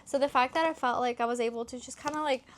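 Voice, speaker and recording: A woman's voice: sits high, fast talker. A young woman from Greece giving a chatty, casual book review in a vlog, with lots of filler words. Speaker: book vlogger.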